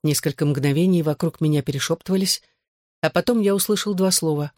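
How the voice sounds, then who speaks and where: An audiobook narrator reading a first-person story in an even, plain way. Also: mid-range voice, brisk, dry recording, clean studio sound.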